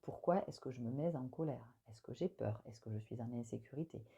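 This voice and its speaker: A woman giving a spiritual monthly guidance talk, explaining slowly with frequent hesitations and fillers. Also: extremely low pitch, gravelly, warm tone, slightly rough, lo-fi sound. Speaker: spiritual channel guide.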